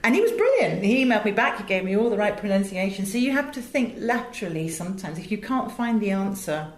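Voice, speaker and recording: Fast and very animated, this British interview guest, an audio director and producer from England, spins stories and describes her work with emphasis and clear articulation. Her pitch is medium, and the interview audio echoes around the room.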